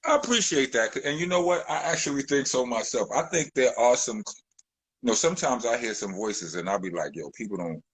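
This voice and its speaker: Here the same kind of guest, a male rapper with a deep voice, chats in a rambling interview style packed with fillers and false starts. His delivery is animated and fairly quick, a bit bright, and the recording quality is low.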